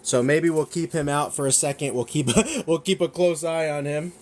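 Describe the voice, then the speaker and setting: A man's voice: fairly high pitch, steady tone, normal speed, slight background noise. A young man hosting a casual livestream as a reptile breeder, talking enthusiastically and rambling, correcting himself often and sometimes eating as he talks. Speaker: gecko breeder and shop owner hosting a livestream. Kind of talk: casual livestream sales chat.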